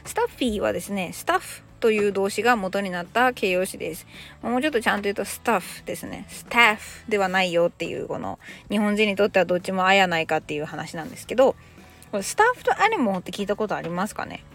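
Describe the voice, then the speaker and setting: A woman's voice: medium pitch, expressive, quick pace, soft background music. A woman in her thirties from Japan, giving a chatty podcast English lesson with casual explanations. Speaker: English teacher.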